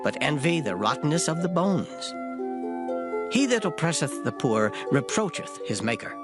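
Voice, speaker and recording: Using a natural, sing-song voice of medium pitch, a reader delivers a dramatized, moderately paced Bible passage in formal King James English. It sounds emphatic and solemn, with loud music running behind the voice.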